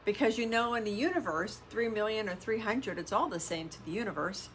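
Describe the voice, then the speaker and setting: A woman's voice: mid-range voice, fairly quick, low-quality recording. A middle-aged woman with a mid-range voice talks like a self-help influencer, casually but with conviction. She leans on repeated phrases and rhetorical questions to drive points home. Faint background noise sits under her voice. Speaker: self-help podcast host and coach. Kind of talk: motivational self-help influencer talk to camera.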